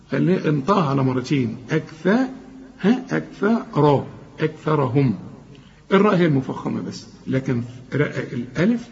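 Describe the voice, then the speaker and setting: High-voiced Egyptian sheikh drilling recitation. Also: male voice, vocal fry, darkish tone, muffled recording. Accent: Egyptian Arabic. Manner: drills words slowly, then explains in quick colloquial asides; corrective, direct to the learner. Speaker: Quran teacher. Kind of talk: tajweed recitation lesson.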